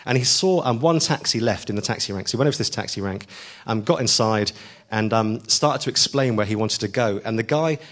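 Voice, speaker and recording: A man's voice: fairly low pitch, brisk, fairly bright tone. Earnest man preaching a sermon. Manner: earnest and emphatic, rising to stress key lines, with frequent ums.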